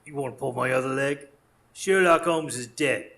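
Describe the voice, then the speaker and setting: A man's voice: mid-range voice, moderate pace, bright, forceful tone, natural voice. A man playing a cocky, scornful police inspector in a radio drama, blunt and sarcastic. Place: small theatre stage, recorded live in front of an audience.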